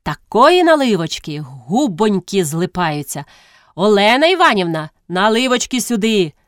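A woman's voice: mid-range voice, very animated, measured pace, no echo, clean studio sound. Lady doing a fussy host guy pushing drinks on everyone, fawning, coaxing. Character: fussy older male host, eager to please.

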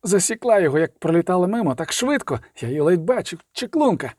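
A man's voice: high voice, big pitch swings, fast, darkish tone, no room sound, clean studio sound, pitched above the performer's own voice. A man voicing a panicked male soldier in an audiobook, out of breath.

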